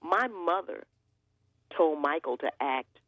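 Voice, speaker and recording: Older woman guest, husky storyteller, dull lo-fi line. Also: low voice, takes it slowly, no room sound. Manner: storytelling, animated quoting.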